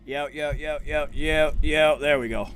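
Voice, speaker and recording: Male livestream host, slightly high-pitched, slangy and profane, casual hype chat over faint noise. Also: steady tone, unhurried, fairly bright tone. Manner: slangy, profane, greets viewers in repeated bursts. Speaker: live stream host.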